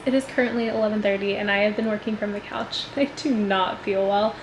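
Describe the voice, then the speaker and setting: A woman's voice: mid-range voice, steady tone, fairly quick. Chatty woman vlogging in an echoey room. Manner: chatty, rambling, frequent "like" fillers. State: congested from a cold. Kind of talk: casual vlog chat. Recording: echoey room with loud background noise.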